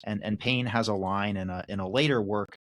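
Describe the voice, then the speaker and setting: A man hosting a podcast lays out a long, carefully built question, stacking up examples as he goes. His voice sits low, and the recording is dry and close with no room sound. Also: steady tone, fairly bright tone, dry recording, low-quality recording. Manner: measured, builds long questions with lists. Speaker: podcast host. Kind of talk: interview question.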